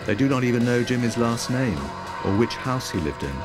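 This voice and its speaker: Man narrating a documentary over music. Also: medium pitch. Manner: measured, even reading. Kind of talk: scripted narration.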